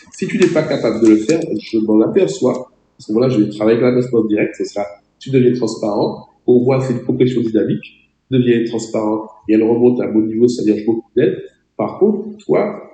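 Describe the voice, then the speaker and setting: With a French accent and a cold that leaves his voice a bit off, a network marketing trainer delivers an emphatic webinar training over a video call, exhorting his audience directly. His voice is medium-pitched and dark, and the audio is poor and reverberant.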